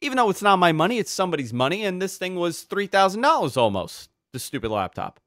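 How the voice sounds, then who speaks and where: A man hosting a podcast, telling stories in an animated way and repeating words when he gets excited. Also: high voice, fast talker, no echo, clean studio sound. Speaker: podcast host. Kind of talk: casual podcast chat.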